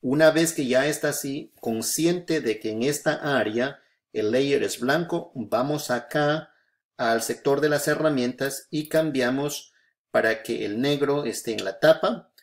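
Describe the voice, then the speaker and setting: Man in his own voice, mid-pitched, explaining screen steps patiently with many pauses and check-ins. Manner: patient, repeats steps, frequent filler "eh" and "¿no es cierto?". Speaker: photography tutorial host. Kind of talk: screen-recorded software tutorial.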